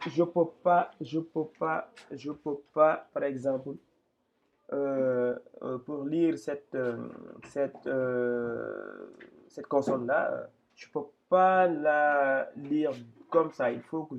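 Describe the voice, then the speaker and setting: A man giving a slow step-by-step reading lesson, hesitating, repeating phrases and spelling out syllables. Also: mid-range voice, lively intonation, vocal fry, a little hiss or hum. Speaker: Quran reading teacher. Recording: dull lo-fi sound.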